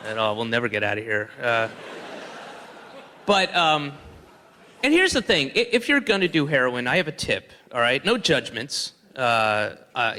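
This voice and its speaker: A man's voice: medium pitch, sharp tone, long reverb tail. A man doing a rambling stand-up comedy set, slipping in and out of mocking voices.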